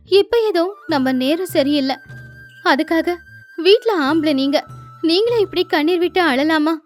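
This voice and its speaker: A caring, steady young village wife, played by a woman in a storybook cartoon. She soothes and consoles in a high voice. Faint music plays beneath her. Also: lightly acted.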